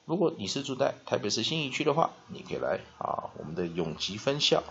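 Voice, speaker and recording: A man's voice: medium pitch, very animated, fast, creaky, fairly bright tone. A man teaches English vocabulary at a whiteboard, explaining step by step, spelling words out and often drawing out a filler "ah". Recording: dull lo-fi recording.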